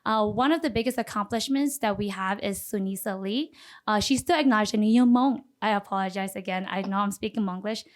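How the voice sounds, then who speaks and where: A woman's voice: medium pitch, brisk. A woman speaking as a pageant contestant, giving formal, earnest answers in an interview round and politely thanking the questioner. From Minneapolis, Minnesota.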